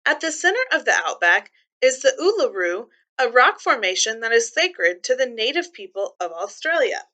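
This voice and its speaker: Reading to kids in a teacherly way, this woman uses a bright, rather high voice with a sing-song quality at normal speed. She breaks from the text to comment, putting things in simple, clear terms for young ears.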